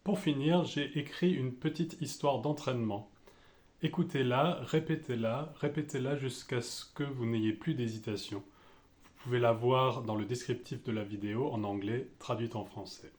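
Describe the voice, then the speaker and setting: A man with a French accent teaching English pronunciation, speaking slowly and deliberately and repeating each example. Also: mid-range voice, a little mellow. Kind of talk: pronunciation lesson.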